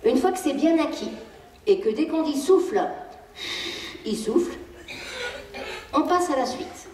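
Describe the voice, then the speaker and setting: Lively French woman lecturing in an echoey hall. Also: high voice, unhurried, a little hiss or hum. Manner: lively, playful, acts out quoted lines, laughs often. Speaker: speaker giving a public lecture on child emotions. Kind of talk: live conference talk. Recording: echoey hall, distant mic.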